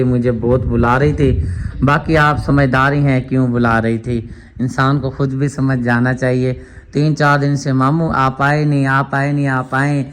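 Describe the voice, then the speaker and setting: A man's voice: mid-range voice, slight background noise. A man vlogging a charity handout, speaking casually and earnestly with frequent blessings and fervent appeals. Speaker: charity vlogger handing out food aid. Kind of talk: casual vlog narration with prayers and appeals.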